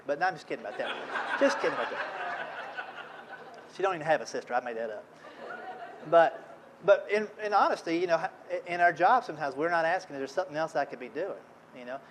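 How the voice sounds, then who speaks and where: A middle-aged man with a Tennessee drawl spins a humorous personal story from the stage, folksy and self-deprecating. He talks straight to the crowd. His voice sits a bit high for a man, with a faint hum of room ambience behind him. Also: poor audio. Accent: Southern US, Tennessee. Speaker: speaker at an industry event.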